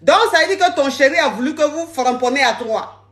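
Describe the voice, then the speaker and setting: A woman's voice: high voice, animated, fairly quick, a bit bright. A woman hosting a live call-in advice stream, playful and repeating her phrases.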